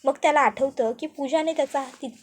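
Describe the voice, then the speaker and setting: A woman narrating an episode recap in a steady storytelling way. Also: high voice, a little fast.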